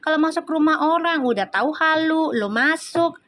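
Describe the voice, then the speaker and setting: Middle-aged woman, slang, livestream host; high voice, chatty, affectionate with viewers. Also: moderate pace, a bit bright. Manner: chatty, addresses viewers as sayang, sprinkled with religious phrases. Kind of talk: casual livestream chat reading viewer comments.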